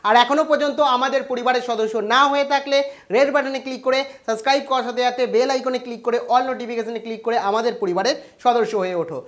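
A host giving an exam news update to students, talking quickly with frequent "ah" fillers and English loanwords. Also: medium pitch, steady tone. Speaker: education news channel host.

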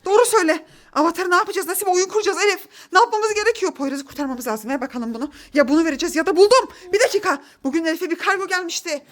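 A woman in her thirties, a mother leading a play game for her children at home, calling out excited, bossy commands. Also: very high voice, rapid-fire, hardly any pauses. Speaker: mother running a family game. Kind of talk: playful family vlog. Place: home, indoors.

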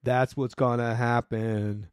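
A man's voice: medium pitch, little pitch movement, takes it slowly, clean tone, no echo, studio quality. A man hosting his own podcast, talking in a casual, rambling way with wry, sarcastic asides. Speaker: podcast host. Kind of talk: casual solo commentary.

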